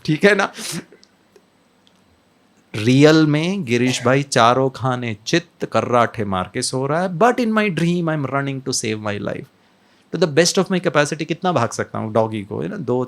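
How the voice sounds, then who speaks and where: Gravelly man giving a lively talk. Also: on the high side. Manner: mixes Hindi and English, asks the audience questions, acts out scenes. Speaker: spiritual speaker. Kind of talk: lively motivational talk to an audience.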